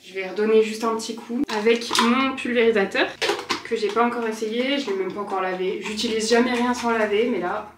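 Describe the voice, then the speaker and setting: A young woman with a fairly high voice chats fairly quickly to the camera in her apartment living room for a casual home vlog. She rambles and pokes fun at herself, with background noise in the recording.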